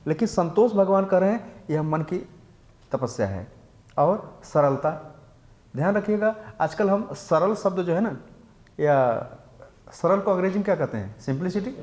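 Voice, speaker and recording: Higher-voiced man teaching a scripture class. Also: darkish tone. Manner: explanatory, asks the audience rhetorical questions; chants Sanskrit verses slowly. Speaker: temple speaker teaching scripture. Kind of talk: Hindi scripture class lecture.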